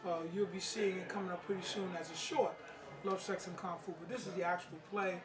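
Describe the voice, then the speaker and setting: Over music, a middle-aged man with a high voice and little pitch movement talks briskly, informal, emphatic, plain-spoken and street-wise. He's a playwright and martial arts master in an informal interview and presentation at an indoor play-reading gathering. It's recorded on a distant mic in a roomy space, with people in the background.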